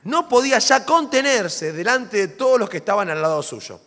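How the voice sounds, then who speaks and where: Animated Argentine preacher man. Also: high-pitched, moderate pace. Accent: Argentine Spanish. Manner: dramatic, animated preaching with rhetorical questions. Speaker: pastor. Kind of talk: sermon. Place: church sanctuary. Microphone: stage microphone. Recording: long church hall reverb.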